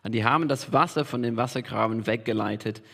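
A man's voice: medium pitch, quick pace, gravelly, fairly bright tone. A man preaching a sermon as pastor, emphatic and repeating key phrases for weight. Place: church hall. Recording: long reverb of a large hall.

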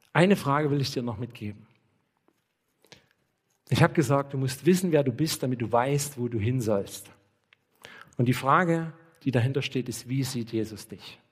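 A male pastor preaches a sermon in a lively storytelling manner and acts out bits of dialogue as he goes. He turns often to speak straight and earnestly to the congregation. His voice sits at a middle pitch for a man. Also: normal speed, pauses often, slightly rough. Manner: addresses listeners directly and earnestly.

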